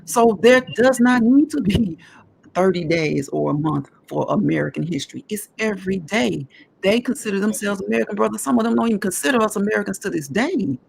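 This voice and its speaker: A woman's voice: mid-range voice, animated, fairly quick, gravelly, a little hiss or hum. A woman in her forties talking at length in a casual discussion, earnest and emphatic as she explains her views. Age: 40s.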